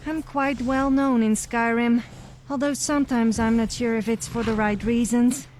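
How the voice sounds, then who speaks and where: Woman playing Sophia, a cocky higher-voiced adventurer. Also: flat delivery, moderate pace, darkish tone, a little hiss or hum, natural voice, low-quality recording. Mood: bragging. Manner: cocky, sarcastic, teasing. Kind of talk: comedic voice acting for a video game follower.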